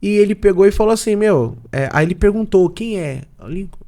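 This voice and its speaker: A Brazilian man, a pastor and businessman, telling his story as a podcast guest and acting out both sides of the conversations in lively slang. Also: high voice, brisk. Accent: Brazilian Portuguese. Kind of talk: animated storytelling with quoted dialogue.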